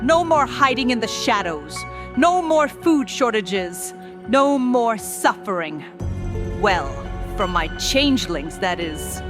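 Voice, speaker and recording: A woman's voice: fairly high pitch, expressive. A woman voicing a regal, scheming insect-like changeling queen in a fantasy audio story, grandiose and menacing. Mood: menacing, exultant. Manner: slow, grandiose, deliberate monologuing. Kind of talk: dramatic audio story acting. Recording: music behind the voice.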